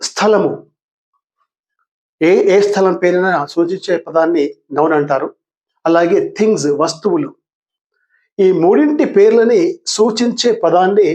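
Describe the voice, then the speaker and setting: An older man with a notably high voice teaches grammar to his students. He repeats each term patiently and asks them questions. He reads the English definitions very slowly, word by word. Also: expressive, a little mellow. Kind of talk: grammar lesson.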